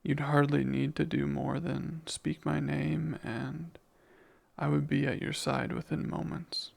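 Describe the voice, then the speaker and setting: A man playing a jealous, devoted demon in an intimate ASMR romance roleplay, speaking ardently and deliberately in a breathy, gravelly voice. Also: on the high side, little pitch movement, heavily acted. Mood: insistent, coaxing. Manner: slow, deliberate, ardent, possessive. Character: jealous, devoted male demon confessing love.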